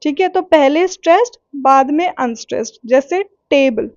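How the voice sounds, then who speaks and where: High-voiced woman teaching literature. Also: a little mellow, dry recording, highs cut off. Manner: patient, repeats points with "ठीक है" and "okay"; reads English definitions slowly. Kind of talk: explaining lesson in Hindi-English mix.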